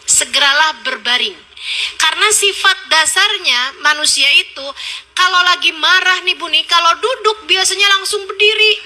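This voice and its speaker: A woman preacher giving a lively, animated sermon to a women's study group, acting out quotes and shifting tone often. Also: very high voice, normal speed. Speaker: Islamic preacher.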